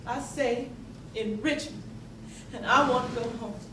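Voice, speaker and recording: Her voice is a little high and the mic distant: a stage actor performing a 19th-century period monologue as an earnest young enslaved woman from the American South, with a Southern accent. The mood is earnest and determined, the delivery folksy and emphatic, halting yet rising in dramatic swells. The sound comes from far back on an indoor theatre stage, echoey and noisy.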